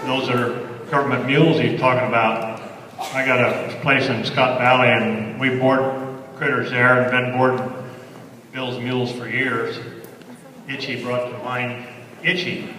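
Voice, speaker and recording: A man's voice: medium pitch, flat delivery, slow, long pauses, crowd noise. An older man with a rural Western American accent and a folksy cowboy drawl, telling wry, rambling stories and reciting cowboy poetry to a live gathering. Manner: wry, rambling, colloquial delivery. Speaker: cowboy poet. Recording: echoey hall, voice far from mic.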